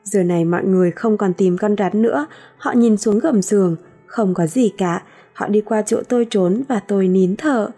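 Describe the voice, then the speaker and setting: A woman reads a first-person novel as an audiobook in a measured storytelling voice. Her tone is mellow and slightly breathy, with soft music faintly behind her. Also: mid-range voice. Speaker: audiobook narrator.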